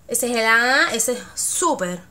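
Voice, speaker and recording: A woman's voice: a little high, expressive, unhurried, sharp tone. A woman from Chile with a Chilean Spanish accent, playfully explaining slang in a comedic vlog and exaggerating sounds and intonation. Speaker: vlogger.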